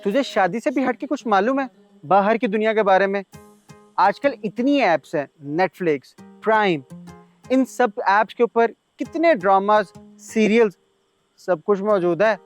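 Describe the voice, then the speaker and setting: An actor playing a smooth-talking friend who pushes and coaxes, persuasive and pushy. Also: male voice, sits high, expressive, unhurried, soft background music. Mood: coaxing. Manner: coaxing, persuasive.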